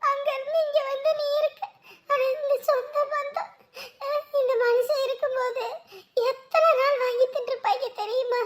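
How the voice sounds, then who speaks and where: In a family drama scene, an actress plays a bitter, grieving widow who cries, sobbing and wailing through her lines. Her voice is very high-pitched with fairly even intonation, and she speaks at a moderate pace.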